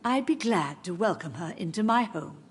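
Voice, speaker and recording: An actress playing a frail, grieving older mother who gently insists the dead still visit her, speaking in a soft, tender, drifting way. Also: lowish voice, expressive, moderate pace, slight background noise, lightly acted. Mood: tender wistful.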